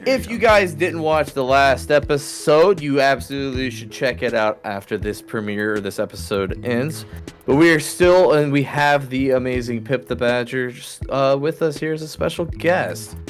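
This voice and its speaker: A man hosting a casual podcast, laughing and swearing as he chats, his voice slightly raspy. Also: medium pitch, normal speed, faint music behind. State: voice getting raspy. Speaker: podcast host. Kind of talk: casual chat.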